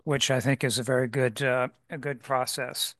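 A man chairing a public board meeting, calling votes in a formal, procedural way with halting pauses. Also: medium pitch, fairly even intonation, a bit bright, no echo, studio quality. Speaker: commission chair.

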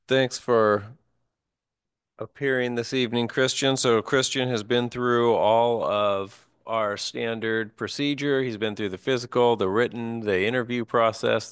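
A man who is a fire chief, briefing a board meeting in a measured, informative way. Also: mid-range voice, a bit bright, clean tone, dry recording, clean studio sound. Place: public meeting room.

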